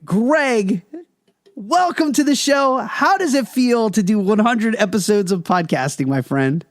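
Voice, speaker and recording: A man hosting a podcast, upbeat and enthusiastic, with jokes and quick banter. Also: sits high, no room sound, studio quality. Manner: energetic, joking, enthusiastic. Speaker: podcast host.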